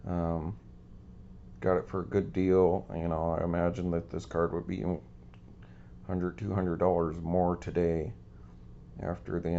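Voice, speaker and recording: This card collecting channel host has a low, gravelly, mellow voice that's slightly scratchy. He presents a casual show-and-tell of his cards in an easygoing, rambling manner with many ums, on a muffled recording.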